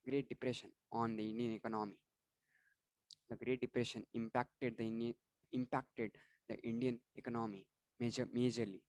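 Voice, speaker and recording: A man's voice: medium pitch, darkish tone, dry recording, poor audio. A man going through exam questions and answers for students in an online revision lesson, often restarting words and apologizing for slips. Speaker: online tutor.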